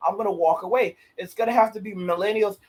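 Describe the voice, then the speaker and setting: A man in his late thirties talks through casual commentary as a channel host. His voice sits high for a man and has a husky edge. He rambles, circles back and repeats himself as he goes. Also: steady tone, fast talker, a little mellow. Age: 30s. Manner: rambling, repeats and restarts phrases.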